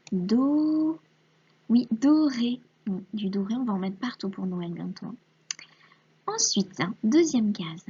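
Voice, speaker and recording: Slow, patient, breathy woman teacher. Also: medium pitch, lo-fi sound. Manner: slow, patient, sounds out syllables and letters; often drops to a soft breathy half-whisper. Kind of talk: recorded reading lesson for a young child.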